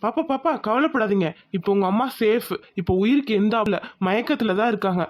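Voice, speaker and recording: A woman voicing a calm male doctor who reassures a worried family in a cartoon. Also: medium pitch, fast, lightly acted. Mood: reassuring. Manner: reassuring, explanatory. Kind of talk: cartoon voice acting.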